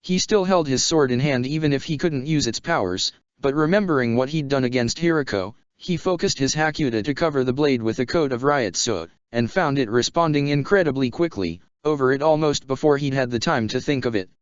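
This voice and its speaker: A man reading a fan fiction story aloud in a steady, even way. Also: medium pitch, fairly quick, few pauses, smooth, no room sound. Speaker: narrator. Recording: dull lo-fi sound.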